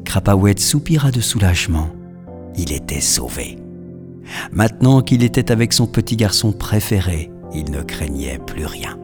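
A man narrating a children's storybook with a lowish voice that rises and falls expressively. His reading is warm and storytelling in tone.

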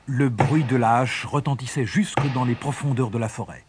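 A man with a husky voice narrating a fairy tale expressively. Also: medium pitch, fairly even intonation, moderate pace, dry recording, faint music behind. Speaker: storyteller.

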